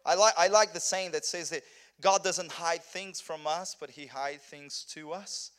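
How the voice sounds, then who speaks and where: This pastor from southern Brazil, a Portuguese speaker, preaches a conference sermon in English with earnest energy, frequently restarting and repeating words. His voice is fairly high and fairly bright, and he takes his time.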